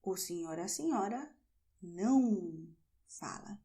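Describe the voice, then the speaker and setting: A woman teaching a language lesson, saying phrases slowly and then explaining them. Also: mid-range voice, animated, mellow. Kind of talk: slow, clear language lesson.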